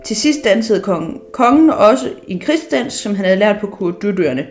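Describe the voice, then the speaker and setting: A woman reading a children's story aloud in a lively way, often tripping over words and restarting. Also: mid-range voice. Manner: lively read-aloud with frequent slips and restarts.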